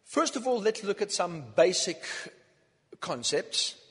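A man lecturing on music in short phrases, pausing for an interpreter and counting out beats. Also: high-pitched, expressive, a bit bright, breathy edge. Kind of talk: lecture given through an interpreter. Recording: long hall reverb.

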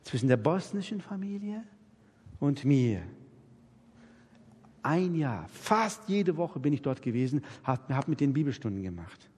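A man's voice: on the high side, big pitch swings, measured pace, long pauses, darkish tone, breathy edge. A man preaching an anecdotal sermon, telling stories and acting out the dialogue in different voices. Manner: storytelling, acts out dialogue in voices. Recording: reverberant hall.

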